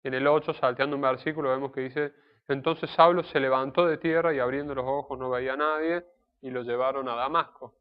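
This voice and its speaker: A man giving a sermon in a conversational, explanatory way, pausing to restate his points. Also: medium pitch, steady tone, clear, resonant tone. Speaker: preacher. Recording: dull lo-fi recording.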